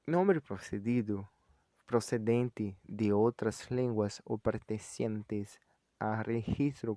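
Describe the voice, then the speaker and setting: A man who speaks Portuguese natively walks through Spanish grammar rules in a recorded lesson, at a slow, deliberate pace. He drags out each example word and keeps checking in with the class. The room sounds dry and close. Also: on the low side, a little mellow, dry recording. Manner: slows down to spell out example words, checks in with "ok?" and "certo?". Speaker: Spanish teacher.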